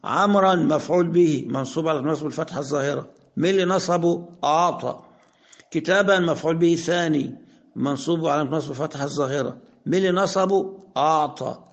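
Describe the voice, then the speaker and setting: Gravelly Egyptian man teaching grammar. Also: a little high, muffled recording. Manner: asks questions and answers them himself; slows down to spell out example sentences. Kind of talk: explanatory lesson.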